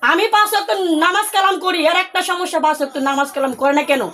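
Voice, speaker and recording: Shrill defiant woman shouting back. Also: fast, a little hiss or hum. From Bangladesh. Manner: loud, defiant, rude. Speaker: person treated in exorcism.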